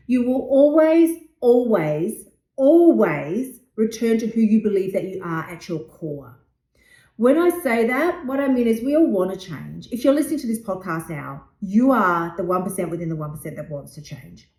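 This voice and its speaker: A woman's voice: medium pitch, darkish tone. Blunt, swearing woman in her fifties. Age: 50s. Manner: blunt and emphatic, swears freely. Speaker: podcast host and weight loss coach. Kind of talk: motivational podcast monologue. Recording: roomy echo.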